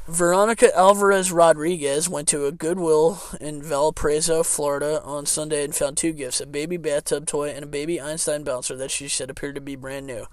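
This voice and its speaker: A man with a somewhat high voice hosts a casual podcast, reading news items aloud and breaking into laughter mid-sentence. He rambles, restarts and trails off with fillers. The sound is dry and close to the mic. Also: fairly even intonation, a little fast, few pauses, dry recording. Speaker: podcast co-host.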